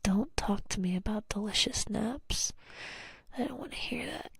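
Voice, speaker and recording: A woman's voice: medium pitch, moderate pace, vocal fry, a bit bright, slightly rough, no echo. Female ASMR streamer: drowsy, teasing whisper, close on the mic, rambling whispered role-play. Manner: sleepy, drowsy; playful, teasing. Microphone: close mic, cupped whispering at the ear.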